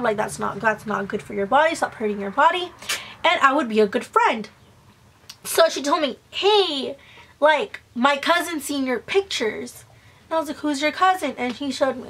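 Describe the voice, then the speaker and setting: A young woman with a high voice tells a gossipy storytime to camera. She is chatty and slangy, swears freely, pokes fun at herself and acts out who said what. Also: fairly bright tone, slight background noise. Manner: acts out quoted dialogue. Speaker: vlogger.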